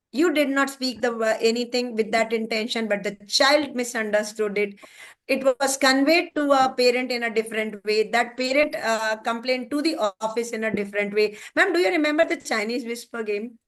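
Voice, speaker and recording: A woman's voice: on the high side, fairly bright tone. A woman with an Indian English accent leading an online teacher-training class, stressing words and often checking in with her listeners. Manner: emphatic, keeps checking in with "right?".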